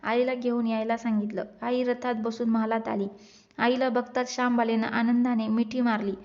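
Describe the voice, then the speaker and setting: Woman telling a devotional tale in a flat voice. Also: on the high side, muffled recording. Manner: steady, measured storytelling. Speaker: storyteller, channel host. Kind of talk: reading a devotional folk tale.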